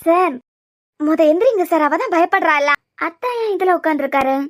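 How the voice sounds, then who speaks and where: A woman's voice: very high-pitched, expressive, a little fast, no echo, clean studio sound. A woman voicing a firm young caretaker in a cartoon, who lectures the father plainly in Kanyakumari Tamil. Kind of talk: cartoon voice acting.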